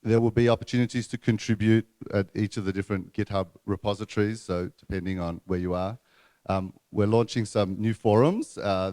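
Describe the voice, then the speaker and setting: A man hosts a conference and introduces the next speakers. His voice is very low, and he talks loosely with many fillers. The sound is close and dry. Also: a little mellow, no echo. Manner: loose, filler-heavy speech. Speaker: event host. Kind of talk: conference hosting and announcements. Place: conference room before an audience.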